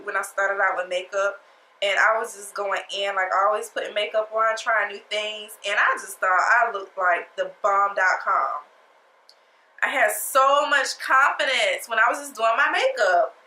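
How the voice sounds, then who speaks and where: Walking viewers through a makeup tutorial, a woman with a slightly high, sharp voice chats casually and sassily, addressing them directly while congested from a cold. She's a beauty vlogger, and the poor-quality recording has an echoey room sound.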